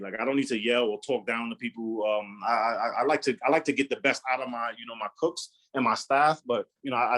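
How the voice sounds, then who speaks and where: During a casual live cooking demo, a young adult male chef fields questions in a loud, carrying voice of fairly low pitch. He often repeats words and uses fillers.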